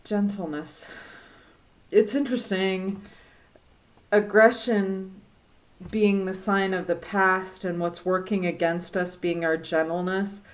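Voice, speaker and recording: A woman with a Midwestern accent giving a spoken tarot and divination reading, slow and reflective, with many pauses and fillers. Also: mid-range voice, level tone. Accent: Midwestern American. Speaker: tarot reader.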